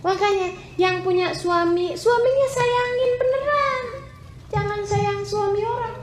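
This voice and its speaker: Female preacher, high and animated, echoey room. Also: measured pace, background noise. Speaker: Islamic preacher. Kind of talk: sermon to a women's audience.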